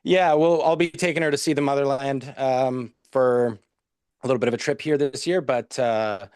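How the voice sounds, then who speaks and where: Recorded dry with clean studio sound, this man speaks in a mid-range voice that's a little mellow and smooth, at a moderate pace. He's from Canada, a nutrition professional guesting on a podcast, and his casual interview chat rambles with many fillers and restarts.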